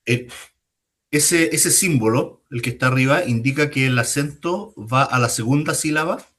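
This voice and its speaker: A man's voice: medium pitch, moderate pace, a bit bright. A man asking his teacher questions in class, polite and a little hesitant. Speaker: student.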